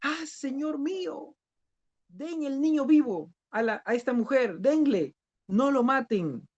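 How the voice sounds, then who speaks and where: A man voicing a desperate mother who cries out in a high, strained voice. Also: expressive, slow pace, heavily acted. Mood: pleading. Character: pleading woman, a desperate mother. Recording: dull lo-fi recording.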